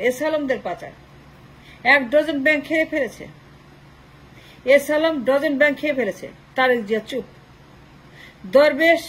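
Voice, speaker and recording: Woman ranting politics in a high voice, rattles off long lists, drops english phrases in. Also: fairly bright tone, rough recording. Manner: rhetorical, piles up long lists of short phrases; slips English phrases into her talk. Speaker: political commentator. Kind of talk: impassioned political commentary monologue.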